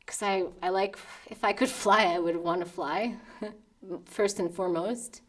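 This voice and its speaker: Far from the mic, a woman in her thirties from New York talks about her life as a pianist for a documentary, in an American accent. Her medium-pitched voice is steady and a little slow, and she's thoughtful, with soft laughs and restarts.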